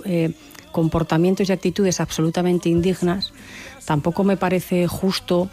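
A politician giving a formal, measured statement in a news clip. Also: medium pitch, flat delivery, darkish tone, faint music behind.

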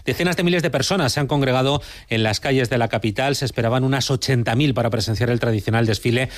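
Guy reading radio news, quick steady pace, mid voice. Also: medium pitch. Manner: brisk, measured newsreader delivery. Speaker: news anchor.

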